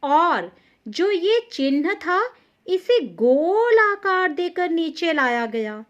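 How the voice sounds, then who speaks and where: Slow, patient woman teaching Hindi writing. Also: very high voice, very animated, muffled recording. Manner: patient, repeats key points, stresses each correction. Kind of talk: slow explanatory lesson.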